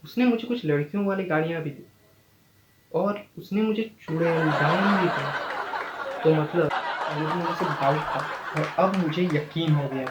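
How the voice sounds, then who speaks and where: A young man performing a stand-up storytelling monologue and acting out the people in it with lively jumps in his voice. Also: on the high side, unhurried. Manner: animated, acts out quoted lines with sudden loud jumps. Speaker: stand-up comedian and channel host. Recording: echoey room with faint noise.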